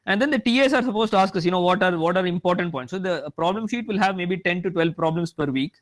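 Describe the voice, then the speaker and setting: A mathematics professor with a high voice gives a lecture-style talk, speaking fast. His first language is Tamil, and his delivery rambles, full of "you know" and restarts.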